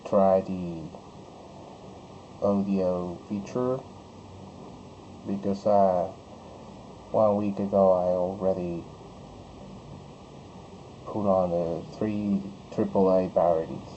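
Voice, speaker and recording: Slow, mellow-voiced man vlogging outdoors. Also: sits low, fairly even intonation, muffled recording, slight background noise. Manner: halting, searching for words. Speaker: vlogger testing a toy mask. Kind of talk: casual product test vlog.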